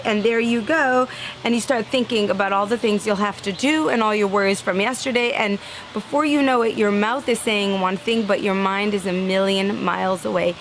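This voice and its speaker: There's slight background noise as a woman with a mid-range voice gives a heartfelt, animated spiritual talk. Now and then she laughs lightly, and she dramatizes the voices in her head.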